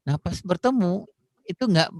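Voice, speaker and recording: A man giving a parenting talk in an easy, chatty way, sprinkling fillers as he explains. His voice sits slightly high, and the sound is close and dry with no room in it. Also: expressive, moderate pace, no echo. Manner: explains with many "gitu" fillers, acts out phone dialogues. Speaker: parenting speaker.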